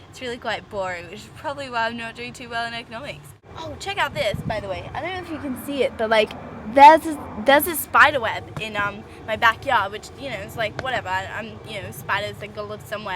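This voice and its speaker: A woman student vlogging casually in her backyard, rambling with restarts and giggles. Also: medium pitch. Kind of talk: casual chat. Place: backyard, outdoors. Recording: outdoor traffic noise.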